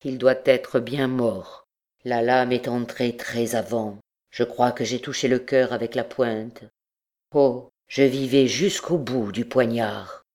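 A woman's voice: deep voice, slow, warm tone. A woman reading the part of an obsessive, lovesick male priest in an audiobook, pleading with passion. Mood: brooding. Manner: pleading, impassioned.

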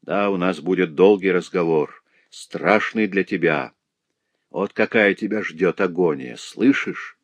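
A man doing a hoarse, menacing brute. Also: sits low, no room sound. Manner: slow, menacing threats. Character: brutal vengeful man, menacing and cold.

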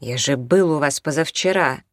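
Narrator voicing a quiet, weary young father. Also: medium pitch, normal speed, no echo, clean studio sound, lightly acted. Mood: subdued.

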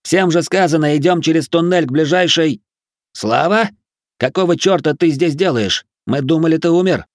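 A man doing a gruff shouting militiaman. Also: a little high, fairly even intonation, normal speed, few pauses, dry recording, clean studio sound, voice pushed up. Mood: stubborn shouting. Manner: shouting, curt, commanding. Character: exhausted young militiaman, gruff and stubborn.

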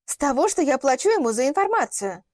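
A woman's voice: high-pitched, sing-song, fast, a little mellow, no room sound, studio quality, pitched above the performer's own voice. A woman reading an audiobook, voicing a hostile, secretive young woman who hisses and interrogates. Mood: defensive. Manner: hissing, interrogating.

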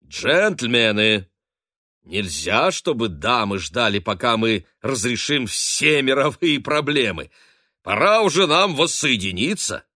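A man voicing a confident merchant in an audiobook, speaking smoothly and with authority. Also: medium pitch, very animated, takes it slowly, pushed and bright, no room sound, clean studio sound, pitched above the performer's own voice, exaggerated voice. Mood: commanding.

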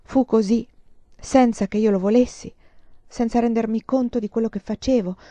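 A woman's voice: on the high side, fairly even intonation, normal speed, mellow, no room sound, lightly acted. A woman voicing a frightened young woman who pleads in a broken voice. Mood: pleading.

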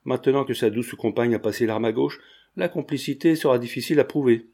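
A man's voice: mid-range voice, brisk, creaky, a little mellow. A man reading the part of a shrewd police agent who speaks dryly and matter-of-factly. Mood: sardonic. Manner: dry, matter-of-fact.

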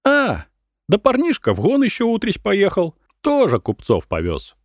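A man's voice: high-pitched, huge pitch swings, normal speed, dry recording, clean studio sound, voice pushed up, exaggerated voice. A man voicing a plain-spoken peasant woman at a village inn, with a drawling folk way of talking. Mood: matter-of-fact.

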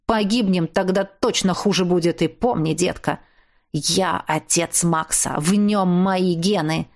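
A woman voicing a crude, threatening man who has kidnapped his ex-wife, with coarse, mocking speech. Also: lowish voice. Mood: angry. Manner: coarse, mocking, slow menacing delivery.

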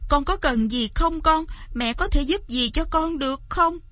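A woman's voice: a little high, a little slow, dry recording, lightly acted. A woman voicing a poor peasant mother who pleads anxiously, in a storybook reading. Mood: worried. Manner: pleading, anguished.

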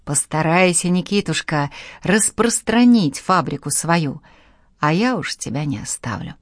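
An imperious tsar of old Russia gives orders in an abrupt, commanding tone, read by a woman. The voice sits low for a woman, and the recording is dry and close. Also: animated, unhurried, no echo. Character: angry then grateful male tsar, commanding.

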